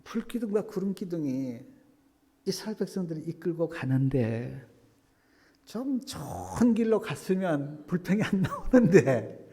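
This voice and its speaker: A male pastor preaching a sermon, swinging from loud exclamations to hushed whispers and acting out quoted prayers. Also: on the high side, big pitch swings, unhurried, slightly rough. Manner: acts out quoted prayers and complaints. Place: church sanctuary. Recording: long hall reverb.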